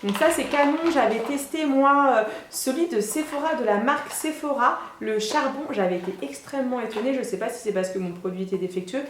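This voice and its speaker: A young woman beauty vlogger chatting excitedly through a product unboxing, with lots of hesitations. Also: a little high, brisk, hardly any pauses, slight background noise. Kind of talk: casual product unboxing chat. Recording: echoey room.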